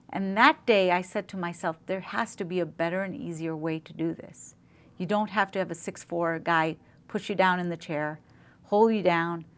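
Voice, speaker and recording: Enthusiastic woman dentist from Zambia. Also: on the low side. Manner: enthusiastic, warm storytelling with frequent fillers. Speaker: dentist, interview guest. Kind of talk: casual interview talk.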